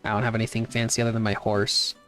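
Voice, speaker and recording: A man's voice: on the low side, monotone, rapid-fire, a bit bright, faint music behind. A man streaming a game live, chatting casually and answering his chat in a laid-back way. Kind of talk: casual livestream chat while playing.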